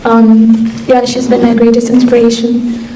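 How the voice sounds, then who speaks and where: A woman's voice: on the high side, monotone, unhurried, warm tone. Young woman from Afghanistan, distant in an echoey hall. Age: young adult. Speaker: guest speaker. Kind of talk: answering interview questions. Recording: echoey hall, voice from far off mic, faint noise.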